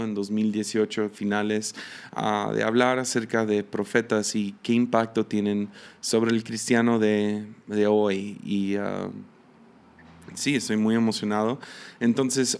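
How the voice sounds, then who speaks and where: A man's voice: fairly low pitch, a little mellow. A man in his thirties with a Mexican Spanish accent, hosting a solo podcast in a casual, hesitant way with many fillers and restarts. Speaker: podcast host and missionary.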